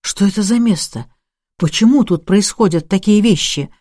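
Brief: woman voicing a shaken man doctor, hushed, audiobook. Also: medium pitch, moderate pace, no room sound, studio quality, lightly acted. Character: pale trembling male doctor.

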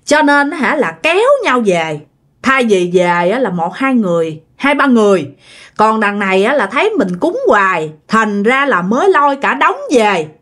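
A woman with a Southern Vietnamese accent narrates a family ghost story. She speaks in a chatty way and addresses her listeners often. Her voice sits fairly high and rises and falls with lively expression. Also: normal speed.

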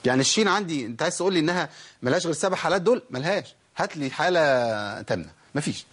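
A man with an Egyptian accent teaching Quran recitation. He asks questions and answers them himself, and stretches out letters slowly to demonstrate how they are pronounced. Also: on the high side, lively intonation. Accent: Egyptian Arabic. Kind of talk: recorded recitation lesson.

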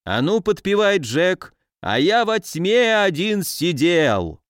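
A gruff, tipsy male night watchman who mocks everyone and bellows his songs in a hoarse voice, as a male reader puts him on. The voice rides high and lively, in a dry, close recording. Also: a little slow, no room sound. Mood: bawling song. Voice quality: hoarse bawling when singing.

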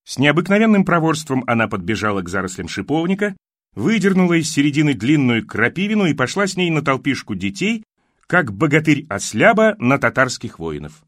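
Expressive male audiobook narrator. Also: fairly high pitch, a little fast, no echo, studio quality. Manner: expressive, wry storytelling.

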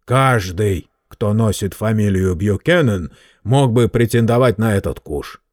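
A man reading a short story aloud in expressive scripted narration. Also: lowish voice, a little slow, no echo, studio quality. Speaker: audiobook reader.

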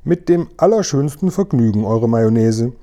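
A man voicing a kindly giant who mixes up his words and speaks gently, in a read-aloud storybook. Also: medium pitch, lively intonation, moderate pace, lightly acted. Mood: good-natured.

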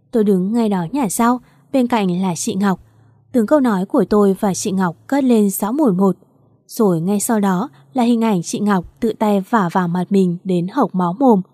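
A woman reads a first-person story in an even, unhurried manner. Her voice is mellow and dark-toned. The recording is dry and close. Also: mid-range voice, dry recording. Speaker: narrator.

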